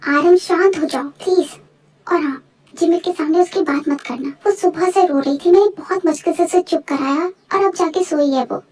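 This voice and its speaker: A woman's voice: very high-pitched, moderate pace, a little mellow. A woman voicing an anxious, caring middle-aged mother in a fan voice-over drama. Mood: worried. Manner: anxious, soothing.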